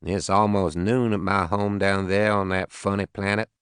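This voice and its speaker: A man's voice: low-pitched, fairly even intonation, moderate pace, a bit bright, clear, resonant tone, dry recording, studio quality, voice pushed up. A male narrator voicing a blunt, crude farmer from the rural American South, with a Southern accent, curse words and all. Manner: crude, blunt, folksy cursing.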